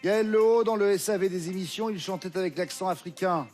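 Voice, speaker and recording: A man hosting a television quiz show, reading clues briskly and confirming answers. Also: high voice, a little mellow, soft background music. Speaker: game show host. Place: television studio with audience.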